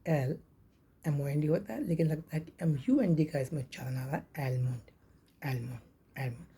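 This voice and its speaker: A man teaching English pronunciation, repeating each word slowly and spelling letters out. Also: on the high side, expressive, warm tone. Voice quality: gravelly, husky. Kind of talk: pronunciation lesson.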